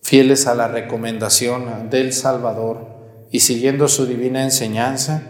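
Priest praying slow and solemn, mid pitch, big cathedral echo, long hall reverb. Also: male voice, little pitch movement, a little mellow. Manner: measured, solemn recitation. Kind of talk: liturgical prayer at Mass. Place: large church during Mass.

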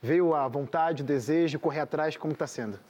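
Brazilian male host, friendly chatter, higher-pitched. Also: a little fast, darkish tone. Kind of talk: casual radio interview.

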